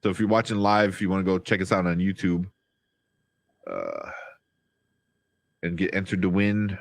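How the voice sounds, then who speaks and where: A man's voice: low-pitched, lively intonation, moderate pace, gravelly, dry recording. A man hosting a livestream in a casual, chatty style. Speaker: livestream host. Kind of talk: casual chat.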